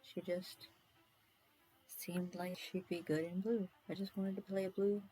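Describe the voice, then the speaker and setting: Mellow-voiced woman rambling while drawing. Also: fairly low pitch, little pitch movement, measured pace, husky, low-quality recording. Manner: self-deprecating, scattered, talks to herself. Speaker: artist streaming a drawing session.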